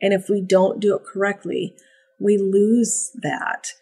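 A woman who breeds and trains puppies, chatting in a casual podcast, animated and sing-song when she acts out praise and puppy voices. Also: medium pitch, slow pace, breathy edge.

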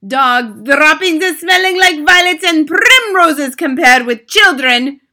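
A woman's voice: high-pitched, lively intonation, takes it slowly, bright, forceful tone, voice pushed up, heavily acted. A woman voicing a furious, commanding female witch queen who screeches and thunders her rants.

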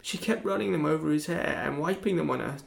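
Young man playing a gravelly, sullen teenage boy. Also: a little high, fast. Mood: bitter. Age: young adult. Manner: sullen, cold and detached, flaring into shouts. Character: bitter teenage boy accused of killing his father. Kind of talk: stage drama acting.

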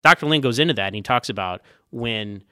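A man's voice: medium pitch, animated, fast, sharp tone, clean tone, no room sound, studio quality. A man hosting a podcast, chatting casually with lots of "like" and "right". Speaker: podcast host. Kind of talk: casual interview chat.

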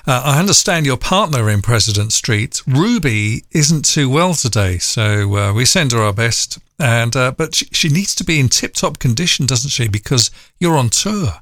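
A man's voice: mid-range voice, normal speed, hardly any pauses, no room sound. Chatty male podcast host, dry close sound. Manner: relaxed, chatty, with fillers. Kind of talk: friendly interview chat.

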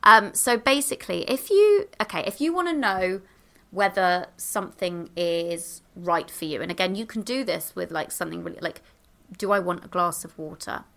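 Bubbly, bright-voiced woman giving advice. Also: lowish voice, animated, moderate pace, creaky. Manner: bubbly, exclamatory, chatty with many fillers. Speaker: podcast guest. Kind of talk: casual advice in conversation. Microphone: handheld microphone.

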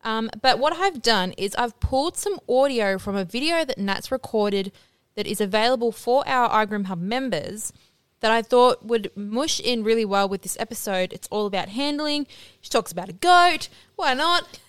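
Clear-voiced Australian woman hosting a podcast. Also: on the high side, animated, normal speed, dry recording, clean studio sound. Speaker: podcast host. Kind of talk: casual podcast introduction.

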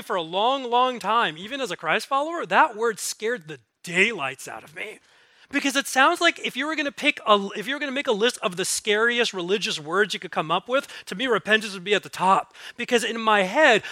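A bright, high-pitched man preaches with lively energy, moving between jokes and earnest appeals. He keeps his talk conversational and checks in with frequent rhetorical questions. His voice is close and dry, with little room sound. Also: no echo. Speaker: guest speaker. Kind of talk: sermon.

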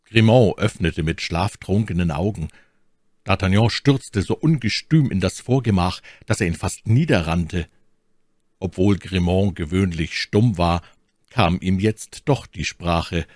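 A man reading a classic adventure novel aloud as scripted narration, steady and theatrical. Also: low-pitched, unhurried, dry recording, clean studio sound. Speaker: audiobook reader.

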